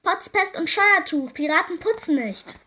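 A pair of gruff, blustering pirates from a children's story, put on by a woman reading aloud. They grumble and protest in growly storybook voices. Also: medium pitch, animated, brisk, close to an everyday voice.

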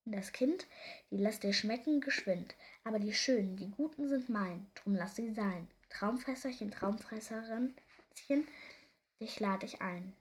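A woman voicing a tiny, impatient male imp who eats bad dreams, giggling and grumbling, shrill when excited. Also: unhurried, close to an everyday voice. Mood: impish.

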